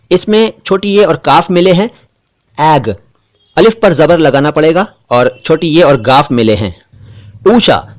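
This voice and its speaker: A man, hosting a spelling lesson and explaining words slowly and carefully, letter by letter. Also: on the high side. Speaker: Urdu language teacher.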